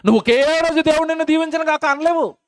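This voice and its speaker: Speaking fast in an extremely high pitch, a man preaches to a congregation, repeating phrases to drive points home. Again and again he asks his listeners questions, then supplies the answers himself.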